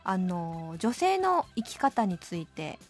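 A woman in her late thirties hosting a radio show, reading listener letters and answering them in a cheerful, animated chat. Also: on the low side, takes it slowly, soft background music. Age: late 30s. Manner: cheerful, animated, laughing often. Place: radio studio.

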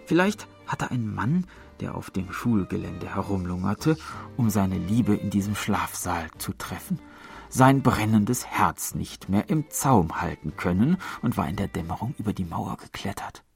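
A man narrating a story as an audiobook in a measured storytelling manner. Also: sits low, animated, gravelly, faint music behind.

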